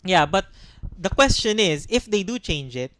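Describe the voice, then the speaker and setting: A man's voice: high-pitched, very animated, normal speed, fairly bright tone. A man co-hosting a casual gaming podcast, thinking aloud with frequent restarts and ums. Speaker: podcast co-host. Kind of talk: casual chat.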